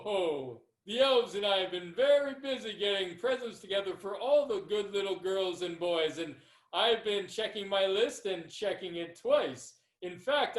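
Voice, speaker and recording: A man playing jolly, kindly old Santa Claus for a children's storytime, with hearty ho-ho-ho delivery. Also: high-pitched. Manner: hearty ho-ho-ho laughs, slow and declamatory. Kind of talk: children's Christmas storytime performance. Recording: roomy, echoing room sound.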